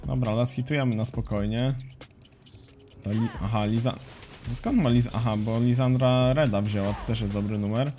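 A man streaming a game, commentating casually and chatting with viewers in a relaxed, slangy way. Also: medium pitch, moderate pace. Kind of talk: casual live commentary while playing and reading chat. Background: faint music and keyboard typing.

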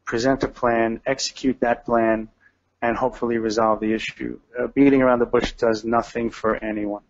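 A man giving an interview in the calm, direct, measured way of a hostage negotiator. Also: mid-range voice. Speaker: guest, retired police detective and hostage negotiator. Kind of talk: radio interview. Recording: dull, lo-fi audio.

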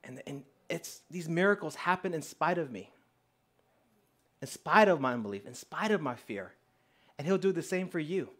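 A man preaching a sermon, telling testimony stories in a lively, conversational way and speaking straight to the congregation. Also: on the high side, moderate pace. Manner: lively storyteller, acting out dialogue; conversational, addresses the congregation directly.

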